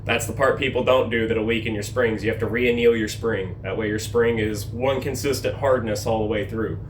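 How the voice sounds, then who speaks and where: Casual man mechanic over clear vehicle noise. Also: fairly low pitch, steady tone, moderate pace, rough recording. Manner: informal, folksy mechanic's way of explaining. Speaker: amateur mechanic presenting a truck repair. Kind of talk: casual hands-on mechanic how-to talk to camera. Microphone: handheld camera held while working.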